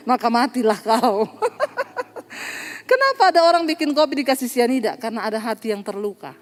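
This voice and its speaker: High-voiced woman preacher in reverberant hall. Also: moderate pace, long pauses. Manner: animated, acts out dialogue, laughs at own jokes. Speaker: pastor. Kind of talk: sermon with storytelling.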